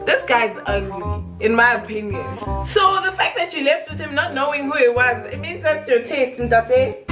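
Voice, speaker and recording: A young woman with a South African accent telling a casual, chatty story in a giggly, tipsy, animated way. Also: sits high, measured pace. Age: young adult. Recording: music playing behind the voice.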